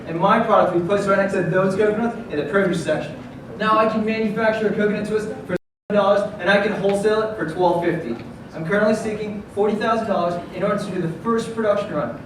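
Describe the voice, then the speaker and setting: A distant, noisy hall recording carries a young man's voice, a little high in pitch. He delivers a confident startup pitch as a founder. His phrasing is emphatic and rehearsed, stated in clear declarations. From South Florida, US. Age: young adult. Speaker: student founder pitching to judges. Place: large room at a pitch competition. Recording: echoey hall, distant mic, clear noise.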